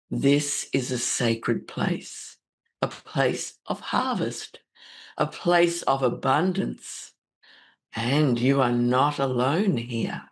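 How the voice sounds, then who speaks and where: A woman speaking as a spiritual host and meditation guide, with a soothing, gentle, deliberate delivery. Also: low-pitched.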